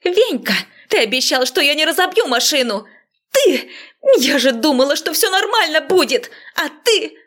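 A woman's voice: sits high, very animated, normal speed, pitched above the performer's own voice. A woman putting on a shrieking furious village woman. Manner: yelling, accusing.

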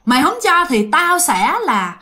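Woman doing a shrill wailing Southern mother. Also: very animated, moderate pace, pushed and bright. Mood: shrill threatening. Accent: Southern Vietnamese. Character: desperate middle-aged mother shrieking threats.

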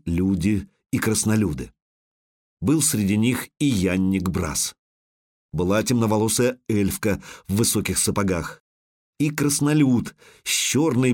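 A man narrating a fantasy audiobook with dramatic delivery, slowing down on violent moments, close on a microphone. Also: fairly low pitch, darkish tone, no room sound.

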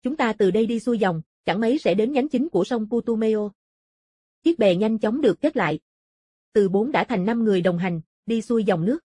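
A woman reading a story aloud as an audiobook narrator, steady and even. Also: on the high side, a little fast, slightly rough, dry recording, studio quality.

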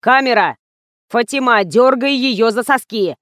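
A woman voicing a hot-tempered male TV director who barks orders and yells at his crew, in a storybook reading. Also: fairly high pitch, no echo, clean studio sound. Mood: commanding. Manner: yelling, bossy, quick-tempered.

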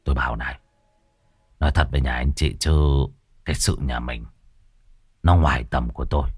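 A man voicing an elderly village exorcist who speaks low, halting and terse with grim foreboding. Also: steady tone, slightly rough, dry recording, studio quality. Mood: grave, ominous.

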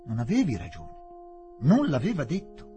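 A man's voice: mid-range voice, wildly swooping pitch, moderate pace, mellow, soft background music, pitched above the performer's own voice. A man reading the part of a condescending young English official, firm and dismissive.

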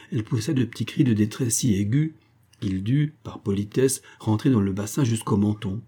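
A man narrates a classic novella in a measured, expressive audiobook reading. His voice is very dark and mellow, low-pitched and noticeably husky. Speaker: audiobook reader.

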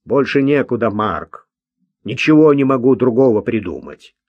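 A man's voice: medium pitch, lively intonation, normal speed, breathy edge, no room sound, phone-quality sound. A man voicing a nervous, irritable man who gives curt orders, in an audiobook. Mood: irritated. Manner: curt and commanding.

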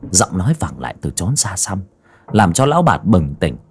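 A man narrating a horror audiobook in a dramatic, expressive way. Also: low voice, normal speed, husky, soft background music. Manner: expressive, rising and falling with the drama.

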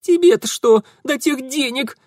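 A man's voice: very high voice, unhurried, darkish tone, dry recording, clean studio sound, voice pushed up. A man voicing a frightened but defiant young working girl who cries out in a strained voice, in an audiobook reading. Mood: desperate. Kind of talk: audiobook character voice.

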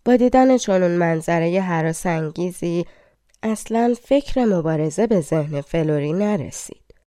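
A woman narrating a fairy tale audiobook in a measured, dramatic storytelling manner. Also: fairly low pitch, expressive, dark tone, no echo, studio quality.

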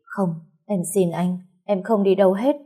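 A woman's voice: medium pitch, fairly even intonation, moderate pace, mellow, lightly acted. A woman voicing a tearful pleading young wife. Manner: tearful begging. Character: desperate young pregnant-mother daughter, pleading.

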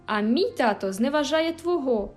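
A woman's voice: fairly high pitch, a little fast, darkish tone, natural voice. Woman doing a whiny, sickly teenage boy. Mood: taunting. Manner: whiny, petulant, taunting. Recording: faint background music.

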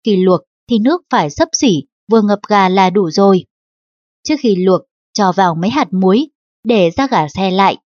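A woman reading the lines of a knowing young female cook who explains calmly and patiently, for an audiobook. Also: mid-range voice, moderate pace, dry recording, lightly acted. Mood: explaining. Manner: calm, instructive explaining. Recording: dull lo-fi audiobook recording.

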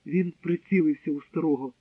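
A man narrating an audiobook in a steady, measured storytelling voice. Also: on the high side, slightly rough, dry recording. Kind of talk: scripted narration. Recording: dry, tinny narrow-band sound.

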